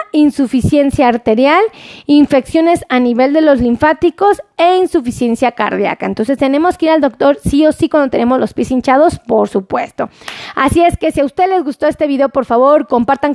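Woman doctor, high voice, dry close recording; chatty live-stream host. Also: a little mellow, no room sound. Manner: chatty and playful, cheering on viewers. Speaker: doctor and diabetes specialist. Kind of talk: live-streamed health talk. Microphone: phone.

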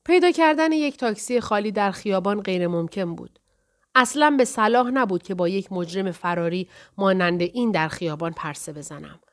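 Calm woman narrating an audiobook. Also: mid-range voice.

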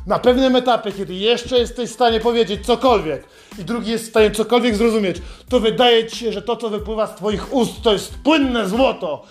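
A man's voice: very high voice, fairly quick, soft background music. A man hosting a podcast, delivering a sarcastic, heavily profane satirical monologue. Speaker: podcast host.

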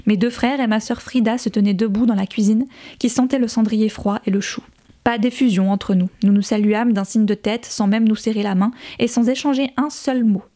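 A woman narrating a novel aloud in a measured, soft-spoken way. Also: on the high side, fairly even intonation. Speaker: audiobook reader.

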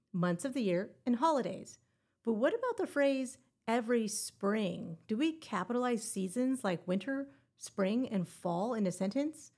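A woman hosts a scripted educational podcast preparing listeners for teacher exams. Her voice is a little high and a little mellow, and she talks in a playful, encouraging way with little puns.

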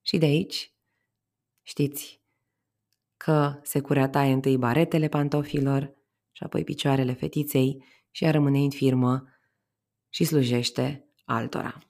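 A woman podcaster reading a fairy tale aloud, calm and measured, then reflecting on it. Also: deep voice. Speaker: podcast storyteller.

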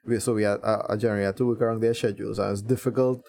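A man in his thirties, a band member chatting as a guest in a relaxed, chuckling way. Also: lowish voice, rapid-fire, gravelly. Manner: laid-back, chuckling, lots of fillers. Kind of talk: casual interview chat.

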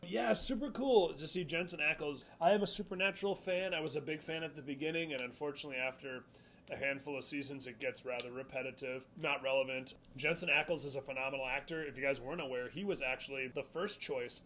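A man co-hosting a casual podcast, excitable and joking, often breaking into laughter. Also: fairly high pitch, fast talker, slight background noise, poor audio. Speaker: podcast co-host.

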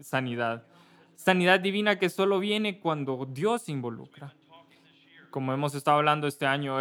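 Halting, slightly high-voiced pastor. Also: male voice, fairly bright tone. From Kentucky, USA. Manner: casual, halting, with frequent self-corrections. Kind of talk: church announcements before a service.

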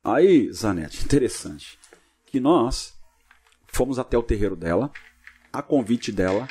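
A man, a pastor guest on a podcast, telling a long story in a casual interview, lively and acting out what people said. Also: medium pitch, breathy edge. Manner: fast, vivid storyteller acting out dialogue.

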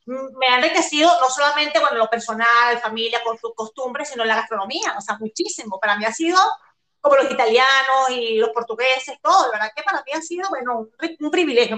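A woman's voice: a little high, bright, forceful tone. A woman raised in Venezuela, speaking as a guest chef in a casual interview and eagerly sharing stories. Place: home in Germany. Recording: echoey room.

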